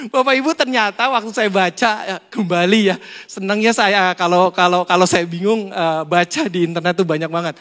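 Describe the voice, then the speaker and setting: A man preaching a sermon to a church congregation, talking in a lively, conversational way with rhetorical questions and jokes. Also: high voice, normal speed. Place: church hall during a Sunday service. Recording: long church-hall reverb.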